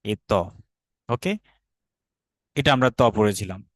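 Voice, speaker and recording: A man's voice: lowish voice, slow pace, no room sound. A man with a Bangladeshi Bengali accent teaching an online class, patient, repeating drills and often checking that students follow. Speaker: Sanskrit teacher.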